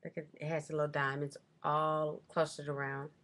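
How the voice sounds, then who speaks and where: Low-voiced woman chatting through a shopping haul. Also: flat delivery, moderate pace, fairly bright tone. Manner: chatty, rambling, corrects herself often. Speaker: vlogger. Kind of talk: casual shopping haul show-and-tell. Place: small room at home, indoors. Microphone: webcam at desk.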